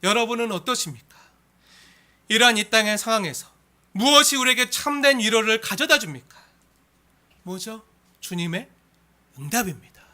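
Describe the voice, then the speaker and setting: Guy preaching a sermon, really high piercing voice, goes from loud and fired up to almost whispering, keeps asking the congregation questions. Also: expressive, moderate pace, long pauses. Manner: swings from loud impassioned appeals to hushed, near-whispered asides; asks the congregation rhetorical questions. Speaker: pastor.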